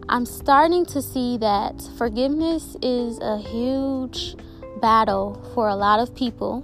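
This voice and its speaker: Higher-pitched woman giving motivational spiritual talk. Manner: encouraging, deliberate repetition for emphasis. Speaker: host of a self-help podcast. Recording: music behind the voice. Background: clearly audible music.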